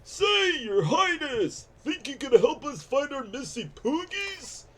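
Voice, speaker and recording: A man's voice: very high voice, very animated, takes it slowly, voice pushed up, full character voice. A man voicing a chatty, nostalgic, grumpy old villager from a video game in a strained old-man voice. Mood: insistent, hopeful. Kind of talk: video game character read aloud.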